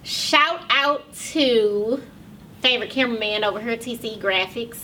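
A woman's voice: fairly high pitch, measured pace, sharp tone, far from the mic, a little hiss or hum. A woman hosting her own podcast and talk show, speaking casually to viewers in a loose, chatty way with many ums, close to tears.

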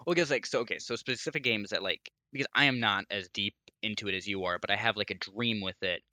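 A man's voice: on the low side, quick pace, pushed and bright, no echo. Easygoing, teasing young man, dry sound. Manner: teasing, easygoing, lots of short backchannels. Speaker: podcast co-host. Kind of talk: casual chat.

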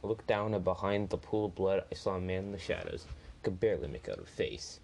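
A man's voice: deep voice, animated, fairly quick, vocal fry, a little mellow, poor audio. A man reading a first-person story aloud, plainly, with small slips and restarts.

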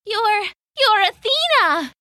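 A woman's voice: very high voice, big pitch swings, a little slow, pushed and bright, no room sound, pitched above the performer's own voice, full character voice. A woman voicing a proud, defiant young female weaver who talks back boldly and scornfully. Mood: startled.

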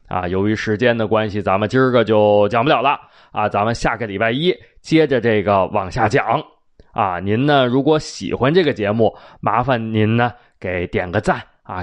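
Lively Beijing-accented male storyteller. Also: lowish voice. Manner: chatty, addresses listeners directly, colloquial asides. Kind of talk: folk-tale storytelling to listeners.

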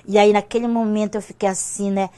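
A woman's voice: mid-range voice, little pitch movement, a little fast, warm tone, clear, resonant tone. An older woman giving an emotional personal testimony as a guest on a church talk show. She often repeats herself, and her voice rises when she is moved.

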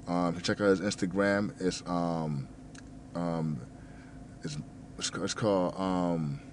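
This is a very deep, low, slightly mumbled male voice, steady in tone and slow. The speaker, in his thirties and raised in New Jersey, manages a restaurant and makes fitness vlogs; he talks loosely, tripping over words, with fillers and casual cursing, against a faint background hum.

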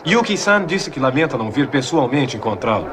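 An actor playing a cruel young Japanese villain in a film dub, with sneering, theatrical mock courtesy. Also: male voice, medium pitch, big pitch swings, a little fast, a crowd in the background, noisy background, close to an everyday voice. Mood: mock polite. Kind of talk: dubbed film dialogue.

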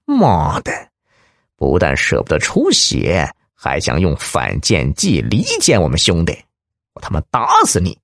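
A tall, gruff kidnapper who curses and bosses his partner , as a male narrator puts him on. His voice drops low with a lively swing. Dry, close audiobook sound. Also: moderate pace, no room sound, exaggerated voice. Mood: gruff, scheming. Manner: gruff, blustering, swearing. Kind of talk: audiobook character voice.

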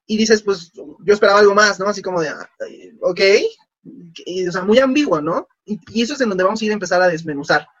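A man's voice: sits high, fast talker, hardly any pauses, no room sound, lo-fi sound. A man, casually telling stories in an interview and acting out the dialogue. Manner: animated, acts out quoted dialogue. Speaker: guest.

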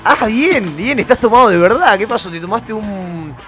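A man with a Rioplatense accent hosting a radio show from the studio, loud and excitable, swearing casually. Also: high voice, normal speed, faint music behind. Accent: Rioplatense Spanish. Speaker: radio host.

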